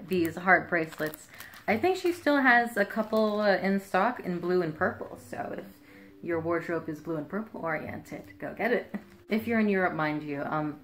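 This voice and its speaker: A young woman chatting casually and excitably to camera in a living room, like an unboxing vlogger. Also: fairly low pitch, a little hiss or hum. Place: living room, indoors on a couch.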